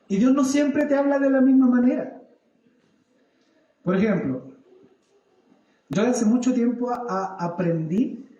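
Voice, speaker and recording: A Chilean pastor in his 30s, a man with a high-pitched voice, delivers a church sermon in an echoey hall. He animatedly tells stories from his own life, acts out his own prayers, and puts questions to the congregation.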